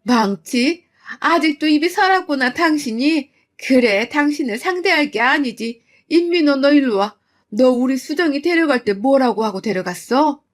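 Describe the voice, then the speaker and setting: A woman voicing a fierce, protective middle-aged mother who scolds loudly. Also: sits high, lively intonation, normal speed. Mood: furious. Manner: loud, scolding and furious.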